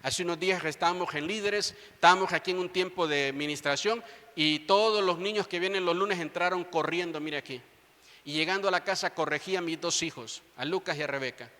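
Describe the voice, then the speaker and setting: A man in his thirties preaches a sermon from the pulpit, addressing his congregation directly and building to fervent appeals. His voice sits high and sounds bright and forceful. Long reverb rings through the large church hall. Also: brisk. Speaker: pastor.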